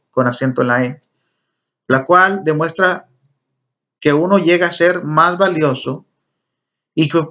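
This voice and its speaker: A man's voice: on the high side, fairly bright tone. Man teaching a Bible lesson, lo-fi. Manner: addresses listeners as brothers, rhetorical questions. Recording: dull lo-fi recording.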